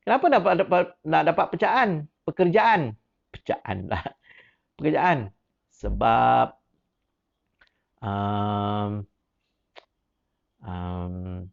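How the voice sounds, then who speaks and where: A man's voice: mid-range voice, creaky. A man with a Malaysian Malay accent giving a teacher training talk, pressing with repeated questions in rising, emphatic prompts and mixing in English words. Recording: dull lo-fi recording.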